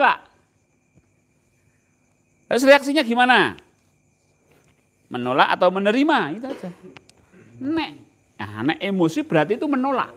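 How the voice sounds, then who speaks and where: A man's voice: high-pitched, fairly bright tone. A man with a Javanese accent giving an informal religious lecture, often putting questions to his listeners and stretching his words for emphasis. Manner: asks the audience questions, drawn-out emphatic phrasing. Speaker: religious teacher.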